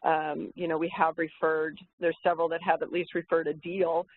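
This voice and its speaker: A woman's voice: low-pitched, level tone, normal speed. A woman broker speaking frankly and thoughtfully as a guest in a podcast interview, with many fillers and restarts. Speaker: commercial real estate broker, guest. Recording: phone-line quality audio.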